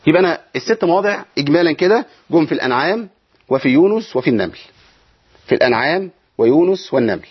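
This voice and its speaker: A man with an Egyptian accent teaching Quran reading in an online lesson. He explains step by step, poses questions and answers them himself, and recites verses slowly. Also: fairly high pitch, expressive, breathy edge. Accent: Egyptian Arabic. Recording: dull lo-fi sound.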